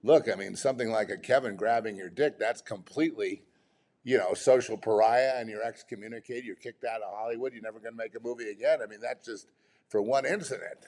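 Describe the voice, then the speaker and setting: A man's voice: on the low side, a little fast, a little mellow. A man giving off-the-cuff commentary, rambling and exasperated, full of restarts and rhetorical questions.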